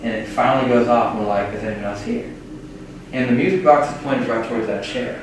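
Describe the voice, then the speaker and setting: A man excitedly retelling a ghost hunt to friends, acting out what he said, recorded from far off in an echoey, noisy room. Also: mid-range voice, fast. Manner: animated retelling, acting out his own quotes. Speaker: ghost hunting host. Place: old house at night.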